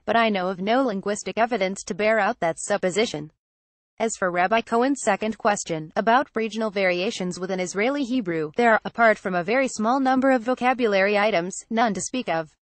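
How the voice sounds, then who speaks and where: Female narrator, mid-pitched, reading a column evenly; dry, close recording. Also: no room sound. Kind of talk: scripted narration.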